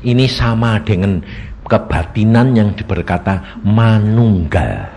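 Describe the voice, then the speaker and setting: A man's voice: fairly low pitch, animated, slow pace, noisy background. A man preaching a sermon to a congregation, quizzing them with short questions. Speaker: evangelist preacher.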